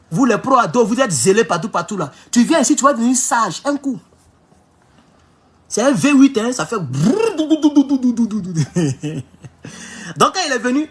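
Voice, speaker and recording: A man from Côte d'Ivoire with an Ivorian French accent, telling a personal story as a political vlogger and giving emphatic warnings to his audience. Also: sits high. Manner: emphatic, warning tone, with English phrases mixed in. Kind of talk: casual storytelling monologue.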